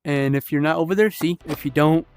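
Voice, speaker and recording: Chatty young man, slightly high voice. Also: a little fast, a little mellow, slight background noise. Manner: chatty, rambling, self-correcting. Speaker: VR game level builder. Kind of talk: casual gaming vlog narration.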